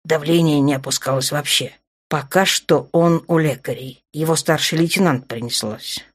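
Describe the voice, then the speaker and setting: A woman reading as a wounded but playful dark lord, a man who purrs his words low and soft, sometimes nearly whispering. The voice sits deep and hushed, teasing rather than threatening, in the manner of an audiobook character. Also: normal speed, breathy edge. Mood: calm. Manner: low, soft and purring, often near a whisper.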